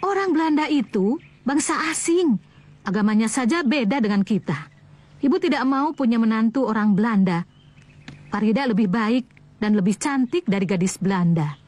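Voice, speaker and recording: Pushy traditional mom, scolding, slightly high voice. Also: female voice, animated, normal speed, darkish tone. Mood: insistent. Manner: insistent, scolding. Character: devout traditional mother set on matchmaking. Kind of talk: TV drama acting.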